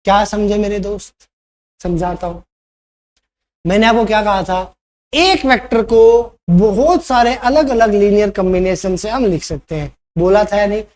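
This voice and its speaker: A man with a notably high voice leads an exam-prep math lecture. He walks through each idea patiently, repeating the key steps and pausing on rhetorical questions. He keeps turning to the viewer as a friend to check they are following. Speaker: math teacher.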